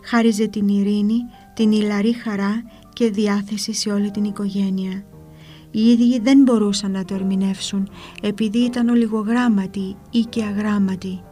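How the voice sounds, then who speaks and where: A woman narrating a religious book in a calm, measured, reverent reading. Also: medium pitch. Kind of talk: devotional reading over soft guitar. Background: soft guitar music.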